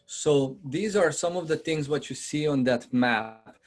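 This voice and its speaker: This Hungarian man's voice is fairly high, and his accent is clearly Hungarian. He's presenting to realtors on a video call in a chatty style, frequently stopping with filler words and asking the listeners questions.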